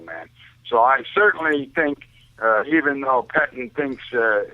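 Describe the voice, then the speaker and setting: A man with a lowish voice delivers opinionated sports talk emphatically over a narrow telephone line, frequently calling his listener "man." There is no room sound.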